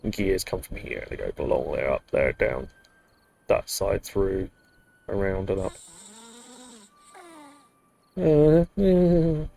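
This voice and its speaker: A man's voice: sits low, animated, takes it slowly, vocal fry, long pauses, dark tone. A British man from the UK chatting casually while live-streaming a game, rambling with dry, muttered asides. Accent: British English. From United Kingdom.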